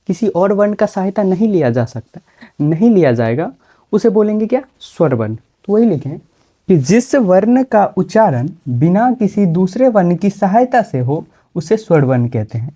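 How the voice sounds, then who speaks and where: A woman's voice: mid-range voice, warm tone. A woman teaching a grammar lesson, explaining step by step and asking questions she then answers herself.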